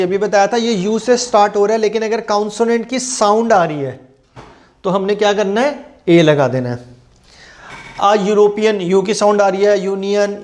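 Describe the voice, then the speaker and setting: Man, grammar teacher, high voice, exam-prep lesson, reads examples slowly, answers his own questions. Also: a little mellow. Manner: explains in Hindi, reads English examples slowly; asks the class questions, then answers himself.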